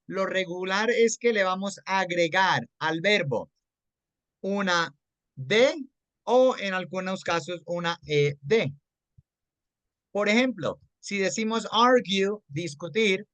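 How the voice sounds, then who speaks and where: Slow, patient Colombian English teacher. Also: medium pitch, a bit bright, dry recording. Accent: Colombian Spanish. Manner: patient, checks understanding often; mixes English words into Spanish explanation. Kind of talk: explaining grammar to a student. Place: online class.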